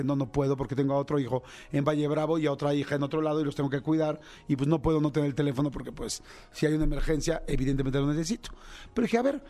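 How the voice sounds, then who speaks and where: A middle-aged Mexican man with a Mexican accent, a radio host chatting casually with quick asides. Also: a little high, a little mellow. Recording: radio broadcast with music bed.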